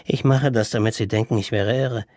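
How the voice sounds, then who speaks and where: A man's voice: brisk, no echo, clean studio sound, natural voice. A man voicing an agitated, theatrical male psychiatric patient in an audiobook, declaiming and mocking in a raised voice. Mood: provocative. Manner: declaiming, mocking, pitched up excitedly. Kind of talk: audiobook character reading.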